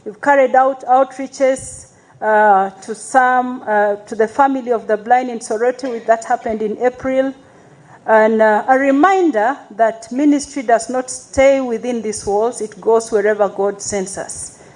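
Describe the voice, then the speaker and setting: A woman, an Anglican chaplain giving a formal, measured address to a congregation, with call-and-response praise. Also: on the high side, a little mellow, rough recording. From Uganda.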